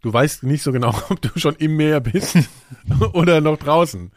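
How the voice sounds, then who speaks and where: A man's voice: a little high, moderate pace, darkish tone, no echo. A man co-hosting a podcast, chatting casually with dry, self-mocking humor. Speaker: podcast co-host. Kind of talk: casual chat.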